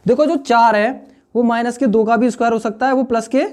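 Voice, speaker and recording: Calling his students "dear friends" and repeatedly asking "understood or not?", a young teacher chats his way through a classroom maths lesson on the solutions. The voice is extremely high, with fairly even intonation and a little mellowness, and he speaks fairly quickly.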